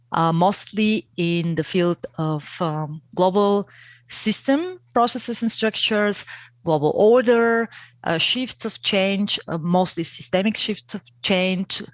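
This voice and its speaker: A woman's voice: mid-range voice, dry recording. A middle-aged woman from Bulgaria with a Bulgarian accent, answering interview questions hesitantly with many fillers. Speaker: guest expert.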